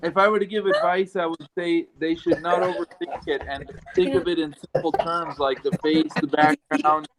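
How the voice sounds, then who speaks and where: A man's voice: fairly high pitch, steady tone, normal speed, hardly any pauses, a loud crowd, poor audio. A man, a tattoo artist, giving easygoing, hedged advice in a casual group chat.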